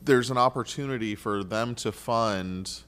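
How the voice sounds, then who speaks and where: Smooth low-voiced man questioning at council. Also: fairly bright tone. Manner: polite, halting, thinks aloud with restarts. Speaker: city council member. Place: city council chamber.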